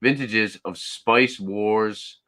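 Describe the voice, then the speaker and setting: A man's voice: lowish voice, drawn-out words, bright, forceful tone. A man hosting a casual live beer review, chatting and reading can labels aloud.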